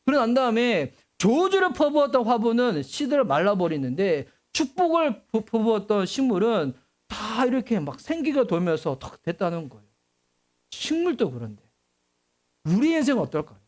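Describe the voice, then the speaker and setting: Male pastor, middle-aged, sermon, high voice, very lively swings in pitch. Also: moderate pace. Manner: animated, acts out voices and exclamations.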